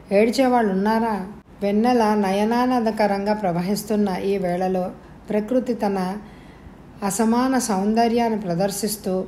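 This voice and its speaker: A woman narrating a story in a measured, expressive reading style. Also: mid-range voice, slight background noise.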